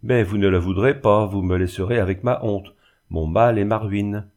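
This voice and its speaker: A man's voice: on the low side, moderate pace, a little mellow, natural voice. Man reading a moaning, self-pitying sick glassmaker. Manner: plaintive, moaning. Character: suffering, self-pitying ruined male glassmaker. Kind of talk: audiobook character reading.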